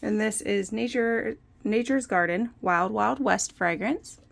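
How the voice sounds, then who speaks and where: A woman's voice: mid-range voice, a little slow, gravelly. A young woman hosting a casual soap-making vlog, chatty and self-deprecating as she talks through each step. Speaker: soap maker and channel host. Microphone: phone propped on a windowsill.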